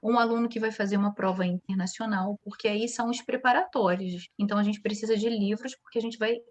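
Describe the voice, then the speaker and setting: A woman's voice: medium pitch, fairly even intonation, fast talker. A woman from Brazil, an English teacher, answering interview questions in a chatty way, explaining with examples.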